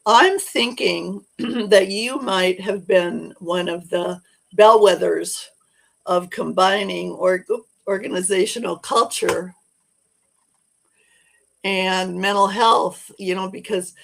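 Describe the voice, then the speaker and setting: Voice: mid-range voice, steady tone, slow pace, creaky, fairly bright tone. A podcast host in a casual interview, thoughtful and supportive, often affirming the guest.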